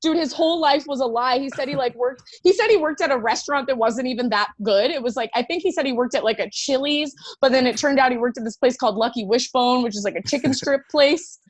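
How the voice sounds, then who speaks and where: Brash, high-voiced woman co-host. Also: fast talker, hardly any pauses, no echo. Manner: brash storyteller, swears freely. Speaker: podcast co-host. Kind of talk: casual chat.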